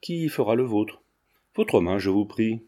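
A man's voice: lowish voice, animated, unhurried, warm tone. A man voicing a breezy, jocular young man who jokes offhand with his friends.

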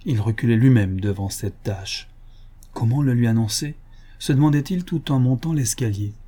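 A male narrator reading a classic novel aloud in a steady, measured manner. His voice is mellow and dark, with a slightly husky grain, at an ordinary pitch. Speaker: audiobook narrator.

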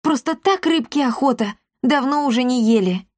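A scatterbrained ginger tomcat, always hungry and whining, put on by a woman reading aloud. His voice sits high and excitable. The recording is dry and close. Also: normal speed, dry recording. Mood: excited. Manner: whiny, excitable.

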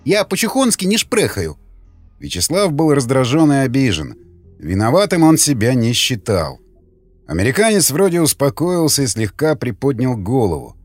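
A man narrating an audiobook in a measured storytelling manner. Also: mid-range voice, very animated, a little mellow, dry recording. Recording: dry studio with faint music.

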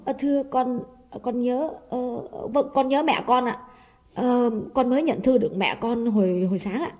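A man's voice: high-pitched, normal speed, dark tone, big-room sound, pitched above the performer's own voice, lightly acted, low-quality recording. A man voicing a timid young maid who stammers hesitant, tearful excuses.

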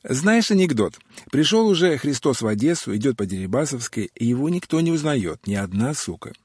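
A man voicing a cocky male spy who talks in a swaggering Odessa Russian accent, loud and jeering. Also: mid-range voice, sing-song, brisk, husky, no room sound, studio quality.

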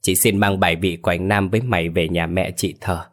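A timid young widow, terrified of ghosts, pleads in a soft, respectful tone, as a man reads her lines. The voice sits deep and low throughout this storybook telling. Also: fairly even intonation, a little fast, close to an everyday voice. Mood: pleading.

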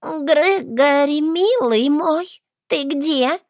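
Shrill little frog queen done by a woman, wailing, very high and swoopy. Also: very animated, a bit bright, no room sound, studio quality, exaggerated voice. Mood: desperate. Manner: shrieking, drawn-out cries.

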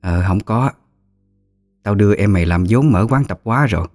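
A man's voice: on the low side, lively intonation, moderate pace, a little mellow, dry recording, faint music behind, natural voice. A man voicing a stubborn, scornful old mother-in-law, talking in curt, clipped bursts.

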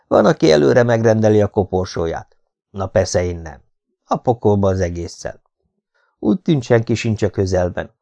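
A man's voice: fairly low pitch, lively intonation, gravelly, warm tone, lo-fi sound. A man reading a hard-boiled first-person audiobook in a wry manner. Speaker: audiobook narrator.

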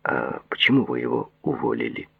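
A calm, cautious psychoanalyst, as a male narrator voices him, speaking in measured, restrained phrases. His voice is very low and husky. It comes through a narrow, phone-like sound. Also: heavily acted. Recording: thin phone-like audio.

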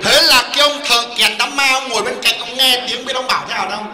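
A Buddhist monk giving a humorous dharma talk, telling stories in an animated way and mimicking laypeople. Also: male voice, very high-pitched, fast, some chatter behind. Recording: echoey hall with faint audience.

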